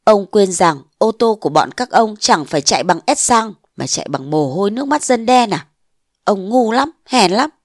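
A woman voicing a bold, scheming young wife of a mandarin, defiant and sharp-tongued, in a storybook reading. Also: medium pitch, animated, moderate pace, no room sound, studio quality, close to an everyday voice. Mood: scornful.

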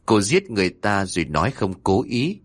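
A man playing a stern older male exorcist with a deep, somber voice who scolds harshly in a horror story. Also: sing-song, normal speed, no room sound, studio quality.

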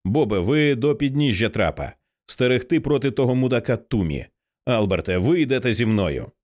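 A man voicing a stern commanding man who takes charge, speaking in calm, clipped orders. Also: mid-range voice, moderate pace, lightly acted. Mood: grim commanding.

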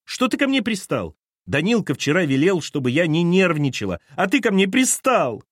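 A man's voice: very animated, moderate pace, husky, no echo, studio quality, heavily acted. A man voicing a nervous young pregnant woman who keeps crying out in desperation in an audiobook. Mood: shrill. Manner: shrill, cries out in desperation.

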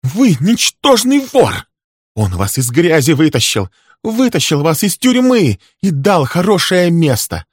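A man voicing a volatile young female secretary who shouts in a high, shrill voice. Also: animated, a little fast, no room sound, clean studio sound, close to an everyday voice. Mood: screaming.

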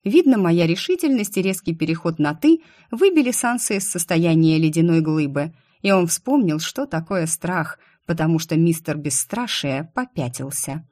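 Expressive woman narrating a sci-fi novel. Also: lowish voice, moderate pace, hardly any pauses. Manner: lively, indignant, expressive. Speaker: audiobook narrator. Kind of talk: first-person novel narration, voicing a young heroine.

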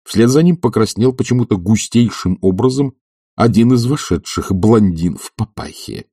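A man reading a story aloud as an audiobook narrator, in a measured storytelling way. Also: lowish voice, animated, dark tone, breathy edge, no room sound, studio quality. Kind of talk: scripted narration.

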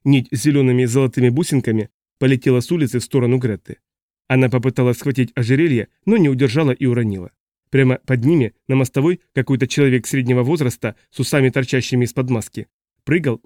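A man narrates a novel in a steady, even manner, at a middle pitch. The recording is dry and close, with no room sound. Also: fast, dry recording. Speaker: audiobook narrator. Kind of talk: scripted narration.

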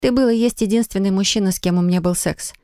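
A woman's voice: medium pitch, fast talker, mellow, clear, resonant tone, no room sound, studio quality, lightly acted. A woman voicing a hurt, defiant young pregnant wife who talks in a bitter, reproachful way.

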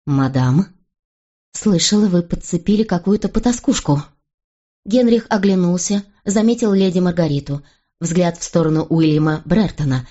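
A woman narrating a historical novel in a measured, expressive way. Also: fairly low pitch. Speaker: audiobook narrator. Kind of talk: scripted narration. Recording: dull lo-fi recording.

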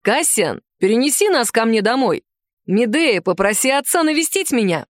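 A woman reading the part of an adult male dragon, slow and breathy when tender and curt and dismissive otherwise. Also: on the high side, very animated, no room sound, studio quality. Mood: commanding.

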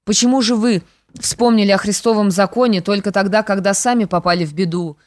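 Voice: medium pitch, fairly even intonation, a little fast, no echo, clean studio sound, close to an everyday voice. A reader voicing Anyuta, a stern young woman. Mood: stern, indignant. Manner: indignant, firm.

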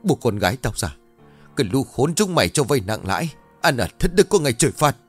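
A man voicing an older, lame father who shouts curses in defiance. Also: mid-range voice, very animated, brisk, husky, soft background music, voice pushed up. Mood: furious.

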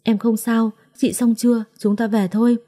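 A gentle young wife, twenty and grieving, as a woman storyteller voices her. She speaks softly and in a subdued way. Her voice is warm and mellow. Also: a little high, little pitch movement, normal speed, natural voice.

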